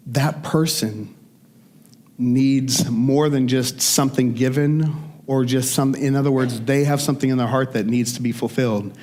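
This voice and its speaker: Pastor, forties, casual conversational sermon delivery, mid-pitched man. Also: darkish tone. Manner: casual, conversational, many fillers and restarts.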